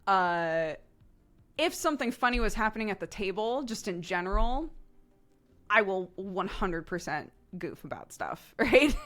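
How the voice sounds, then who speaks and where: A young woman streamer chatting casually, laughing often and tagging her stories with quick "right?" asides. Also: medium pitch, lively intonation, a bit bright. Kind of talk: casual chat.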